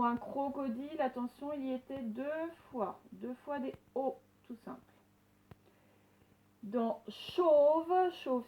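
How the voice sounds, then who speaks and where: A woman teacher recording a reading lesson for young children, slowly sounding out words and giving gentle instructions. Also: high voice, narrow, tinny audio. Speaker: primary school teacher.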